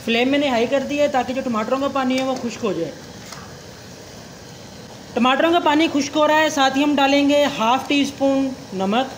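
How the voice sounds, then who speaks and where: A man's voice: very high voice, normal speed, slight background noise. A young man hosting a cooking channel, explaining a recipe step by step in a polite, formal way with religious greetings.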